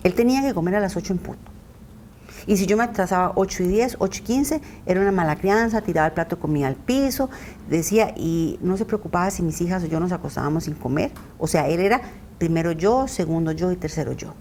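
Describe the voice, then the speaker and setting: A woman's voice: fairly low pitch, animated, quick pace, a little mellow, slight background noise. A middle-aged woman giving an earnest personal testimony as a podcast interview guest. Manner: earnest, recounting, often acting out quoted voices.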